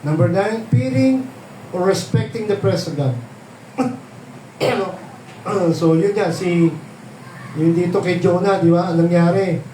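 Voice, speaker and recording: A man's voice: high-pitched, warm tone, echoey room, distant mic, slight background noise, low-quality recording. A man preaching a Bible sermon at a prayer meeting, explaining patiently and often checking in with the congregation by asking them questions. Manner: explains slowly, asks "di ba?" often, mixes in English phrases. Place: church hall.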